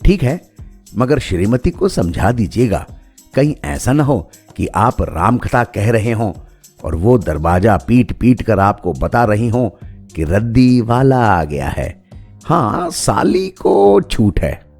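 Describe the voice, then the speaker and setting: A man's voice: on the low side, very animated, slow pace, a little mellow, slightly rough, faint music behind, heavily acted. A man voicing a joking viewer who teases a live-streaming storyteller. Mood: teasing. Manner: teasing, bantering. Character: teasing online viewer, joking commenter.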